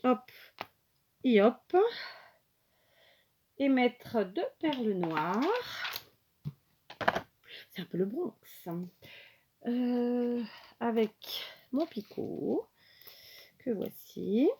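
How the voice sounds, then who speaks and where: A woman's voice: a little high, lively intonation, drawn-out words, pauses often, warm tone, husky. Chatty woman explaining a craft. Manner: chatty, self-correcting, often checks in with the viewer. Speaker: craft tutorial host. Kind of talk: casual craft tutorial.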